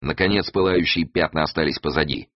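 A man reading an adventure novel aloud as narrator, with expressive storytelling. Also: a bass voice, fairly quick, no echo, dull audio. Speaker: audiobook narrator. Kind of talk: scripted narration.

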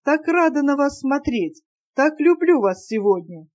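A woman's voice: sits high, sing-song, a little mellow. A woman reading an eager young woman in love. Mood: affectionate, eager. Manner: eager, quick, emotional.

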